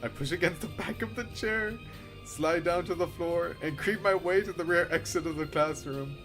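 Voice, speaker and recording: With music playing in the background, a man with a slightly high voice and moderate pace performs a game's story theatrically while streaming. He breaks in with casual, expressive reactions and swears often.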